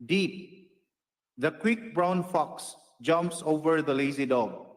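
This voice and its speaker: Man through a morphing voice changer. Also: slow. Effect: voice changer shifting pitch up and down. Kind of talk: device demo reading a test sentence. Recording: distant roomy voice with long reverb.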